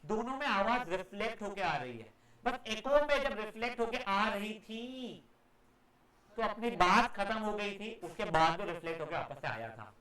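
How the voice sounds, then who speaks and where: A man teaches a class in a high, sharp voice. He acts out every sound he explains and calls the students "beta." Heavy echo fills the classroom around him. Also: lively intonation, normal speed. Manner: scolds students loudly at times. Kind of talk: live classroom physics lecture. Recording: very echoey classroom.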